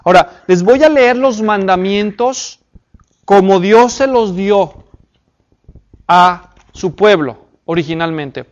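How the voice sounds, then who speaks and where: A man teaching the Bible to a group in sermon style. He checks in with his listeners and reads scripture aloud slowly and deliberately. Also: high voice, dull audio. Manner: addresses the audience with questions and check-ins. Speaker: preacher teaching a Bible class.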